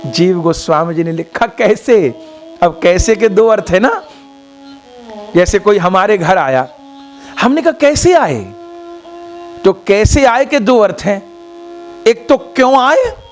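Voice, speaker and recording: A man giving a devotional discourse, explaining verses in an expressive, emphatic way. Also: high voice. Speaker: devotional storyteller.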